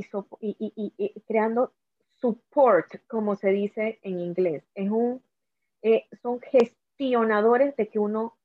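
A cancer survivor appearing as a guest, a woman with a Panamanian accent, speaks earnestly and conversationally about her illness, often repeating words. Her voice is on the high side, recorded dry with tinny, phone-like audio.

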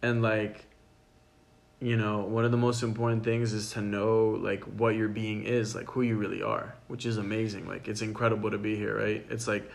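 A man's voice: lowish voice, flat delivery, normal speed, vocal fry. A man chatting casually, laid-back, full of "dude" and "bro" slang. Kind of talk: casual chat.

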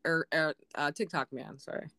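A woman's voice: deep voice, fairly even intonation, normal speed, sharp tone, dry recording. Woman co-host, casual and giggly. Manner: casual, laughs often, lots of fillers. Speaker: podcast co-host. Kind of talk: unscripted book discussion.

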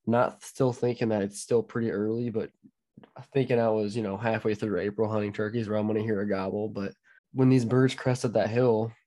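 Man, co-host, lowish voice, chatty and hedging, lots of "you know.". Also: flat delivery, fairly quick, dark tone. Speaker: podcast co-host. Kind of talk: casual storytelling.

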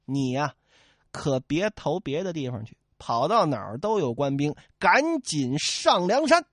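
A man voicing a sly male constable who secretly helps a fugitive, talking in an urgent hushed way. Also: on the high side, sing-song, a little slow, no room sound, studio quality, voice pushed down, exaggerated voice. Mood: urgent, confiding. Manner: urgent, hushed then pleading.

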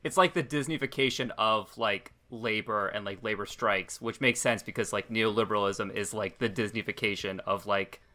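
Bright-voiced man hosting a podcast. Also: lowish voice, normal speed, hardly any pauses. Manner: laughing, moderating, asks guests in turn. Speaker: podcast host. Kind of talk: casual chat.

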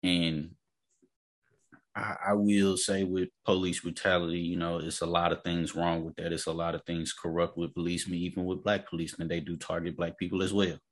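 A man's voice: deep voice, level tone, a little fast. A man in a casual, opinionated discussion, speaking emphatically, repeating his points and checking that the listener follows.

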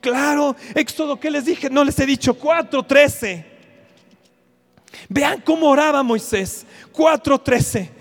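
A man preaching a fervent sermon at a conference, repeating phrases and bursting into shouts. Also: very high-pitched, slow. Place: large hall at a conference. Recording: reverberant hall with background music.

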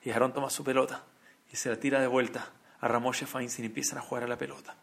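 Male Torah teacher, sermon storyteller; gravelly voice, emphatic repetitive delivery. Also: mid-range voice, level tone, fast talker, fairly bright tone.

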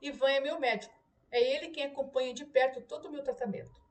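A woman's voice: sits high, quick pace, pitched above the performer's own voice, close to an everyday voice. A woman voicing a plainspoken young adult son in an audiobook, casual and unimpressed by wealth, recorded from a distance. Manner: casual, dismissive of luxury.

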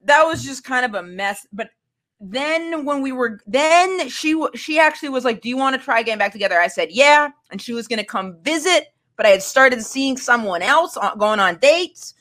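A woman's voice: sits high, normal speed. A young woman from Maine, a guest in a casual podcast conversation, who tells her stories animatedly and acts out what people said. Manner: animated storytelling, acting out quotes.

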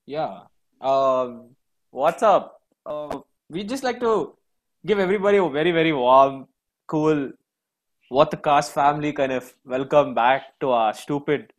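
A man's voice: on the high side, expressive, unhurried, low-quality recording. A young man hosting a podcast in casual chat, rambling and self-deprecating. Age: young adult. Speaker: podcast host.

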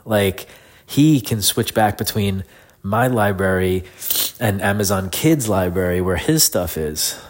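Low, grating congested man with a cold. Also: lively intonation, a little slow. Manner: informal, frustrated complaining with swearing. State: head cold, sore throat. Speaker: podcast host. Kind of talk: casual solo rant, diary-like.

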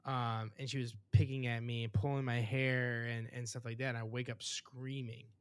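Podcast host man, mid-pitched, casual. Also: moderate pace, clear, resonant tone. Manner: relaxed, reacts with short interjections. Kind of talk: casual chat.

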